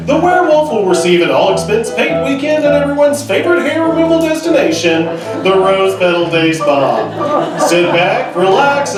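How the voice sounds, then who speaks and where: Game show prize announcer male actor: booming, grandiose comic hype, high-pitched, loud guitar music behind. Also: heavy reverb, recorded from a distance, rough recording.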